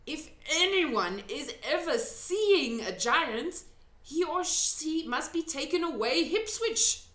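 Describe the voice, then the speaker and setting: Woman playing the BFG, an excitable high-voiced giant. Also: exaggerated voice. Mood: earnest explaining. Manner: muddled grammar, emphatic drawn-out delivery. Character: big friendly male giant, earnest, excitable, protective. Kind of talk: children's storybook character reading. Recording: echoey room.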